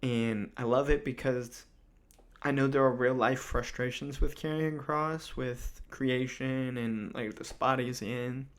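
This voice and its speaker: A man's voice: mid-range voice, fairly even intonation, measured pace. A man hosting a casual wrestling recap, talking loosely with lots of fillers and restarts. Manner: rambling, many fillers and restarts.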